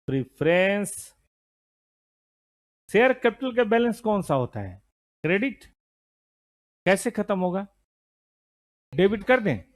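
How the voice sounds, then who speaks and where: A middle-aged man lectures a classroom on accounting, with a slightly high voice. He teaches in a lively way, quizzing and scolding his students, and he drifts toward and away from the mic as he moves around the room. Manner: lively, scolding students, mixes Hindi and English terms.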